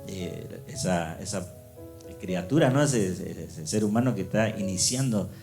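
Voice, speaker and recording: Older guy musing slowly about faith, lowish voice, guitar playing behind. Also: animated, a little mellow. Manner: slow, reflective, many hesitant fillers. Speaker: discussion leader. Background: guitar music.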